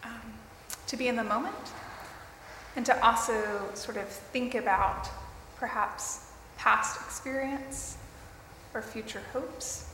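A woman leading a guided mindfulness meditation for a group, speaking deliberately in short phrases with pauses between them. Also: a little high, pushed and bright. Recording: roomy, reverberant hall with clear background noise.

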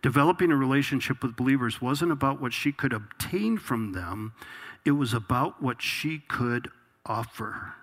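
Husky-voiced man preaching a sermon. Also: medium pitch, expressive, normal speed, a bit bright. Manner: reads a passage aloud, then preaches with rising intensity. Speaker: pastor.

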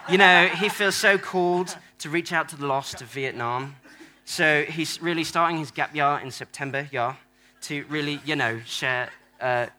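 A man with a slightly high, pushed and bright voice preaches a playful sermon in a church hall, using audience props. He acts out different church members and jokes with the congregation.

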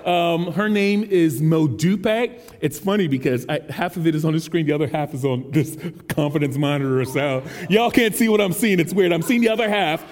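High-voiced man preaching in a reverberant hall. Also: moderate pace, a little mellow, slight background noise. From United States. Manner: casual, self-deprecating and joking. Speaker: teaching pastor. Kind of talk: conversational sermon. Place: large church sanctuary.

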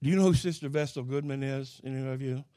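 An older man with an Oklahoma accent delivering a folksy sermon with personal stories, halting and plainspoken, moving between hushed asides and loud, emphatic lines. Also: mid-range voice, no echo, clean studio sound. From Oklahoma, United States. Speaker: Pentecostal preacher.

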